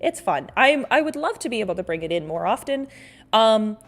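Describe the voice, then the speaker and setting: A woman who is an artist hosts a casual livestream, chatting playfully and exclamatorily with viewers, rambling and often cutting herself off as she reads and reacts to comments. Her medium-pitched voice is sing-song and fairly quick.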